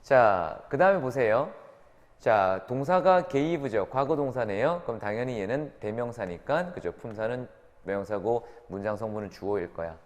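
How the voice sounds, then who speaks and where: A man gives a classroom lecture on English grammar, often checking in with his students through short tag questions. His voice is medium-pitched with lively intonation at a normal speed, and the lecture room is reverberant.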